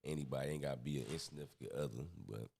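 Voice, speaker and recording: A man with a very deep voice, chatting easygoing as a guest on a casual podcast. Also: racing, gravelly, darkish tone, slight background noise. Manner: laid-back, easygoing slang. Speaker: guest, clothing brand owner.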